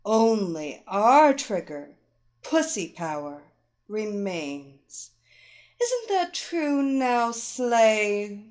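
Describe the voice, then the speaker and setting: Brief: a woman playing a dominant woman hypnotist, firm and unhurried, audio story. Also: medium pitch, big pitch swings, darkish tone. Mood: commanding. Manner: slow, firm, commanding.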